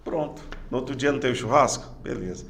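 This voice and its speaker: A middle-aged man with a Brazilian Portuguese accent, a podcast guest telling a personal story in a halting way, often repeating words and restarting phrases. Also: mid-range voice, vocal fry, a bit bright. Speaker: podcast guest, police sergeant. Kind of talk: personal testimony in casual conversation.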